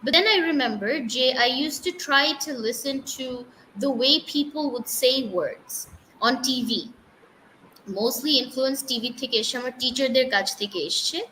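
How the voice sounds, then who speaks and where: A woman's voice: high-pitched, takes it slowly, sharp tone, slight background noise, rough recording. A woman from Bangladesh, an English teacher, talking casually in an interview with many fillers and restarts. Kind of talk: casual interview talk, mixing English and Bengali.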